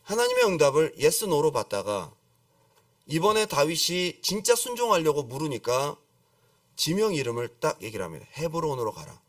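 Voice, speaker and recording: A middle-aged man preaching a lively sermon as a pastor, acting out pleading prayers and calling on the congregation to repeat after him. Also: on the high side, moderate pace, no room sound, clean studio sound, recorded from a distance. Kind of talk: lively Friday-service sermon. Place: church sanctuary.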